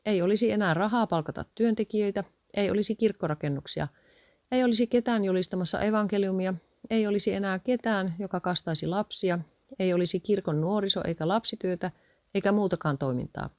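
A woman reading aloud and voicing a patient wife who calmly reasons and adds up sums. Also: medium pitch, no echo, close to an everyday voice. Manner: calm, persistent, counting sums aloud.

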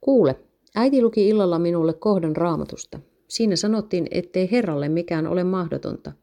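A woman's voice: fairly low pitch, lively intonation, mellow. A woman voicing a small, worried and curious boy in a read-aloud story, lifting her voice to sound childlike. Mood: eager.

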